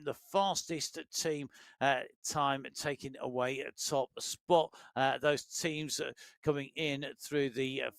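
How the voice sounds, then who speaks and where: A man's voice: fairly high pitch, no echo. Chatty male race commentator, dry sound. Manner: chatty, joking, many fillers. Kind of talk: live esports cycling commentary.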